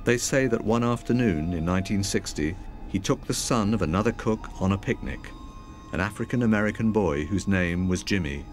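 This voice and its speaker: A man giving measured, scripted documentary narration. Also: on the low side. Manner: measured, even reading. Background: music.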